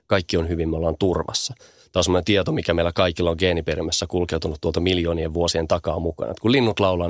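Deep gravelly man explaining calmly. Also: dry recording, studio quality. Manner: thoughtful, repeats small words while thinking. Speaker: sound branding guest. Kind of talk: explanatory conversation.

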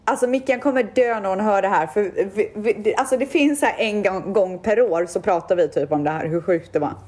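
Chatty young woman telling a story. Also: mid-range voice. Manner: chatty, animated retelling with quoted voices. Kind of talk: casual chat, storytelling.

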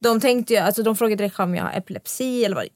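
A young woman hosting a casual podcast, telling a story with lively quoted dialogue. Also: medium pitch, no room sound. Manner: animated storytelling, acting out quotes. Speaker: podcast host.

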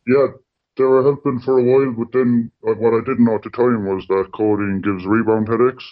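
A man's voice: fairly even intonation, a little fast. A man speaking as an anonymous radio interview guest through a voice-disguising distortion filter, in a plain matter-of-fact way. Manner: plain, matter-of-fact, frequent "like" and "you know". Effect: voice disguised by a distortion filter, deep. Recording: dull lo-fi sound.

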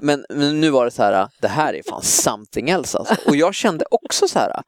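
A man chatting casually as a father, joking and mocking himself in a lively way. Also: a little high, no room sound, studio quality. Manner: jokey, self-mocking, lively. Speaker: father in a family chat. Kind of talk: casual chat.

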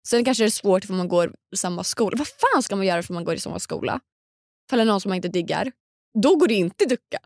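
A woman's voice: mid-range voice, lively intonation, darkish tone, no room sound, studio quality. A young woman from Sweden co-hosting a casual podcast, mostly giving short replies and asking questions. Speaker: podcast co-host. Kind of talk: casual chat.

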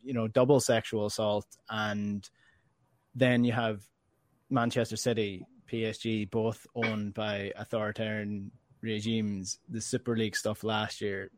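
A man's voice: fairly low pitch, little pitch movement, measured pace. A man with an Irish accent hosting a casual sports discussion, earnest and emphatic, often rephrasing himself. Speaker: football podcast host.

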